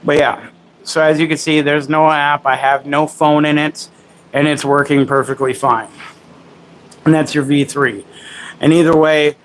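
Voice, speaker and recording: Chatty man demoing gadgets live, fairly high voice. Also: level tone, measured pace, slight background noise, poor audio. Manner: rambling, self-correcting, chatty with viewers. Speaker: livestream host demoing gimbals. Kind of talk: casual live product demo.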